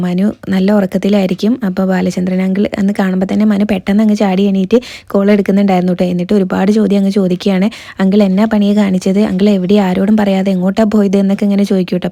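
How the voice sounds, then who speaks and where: A woman recapping a serial episode in a casual, chatty way. She keeps tacking little tag words onto her sentences and reads the quoted lines in her own even voice. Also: mid-range voice, no room sound. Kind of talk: casual spoken story recap.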